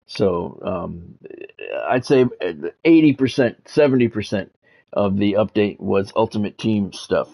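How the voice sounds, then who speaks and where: Gravelly and mellow, sitting on the low side, this middle-aged man's voice carries a casual livestream where he plays a sports game. His play-by-play commentary comes out blunt and sardonic.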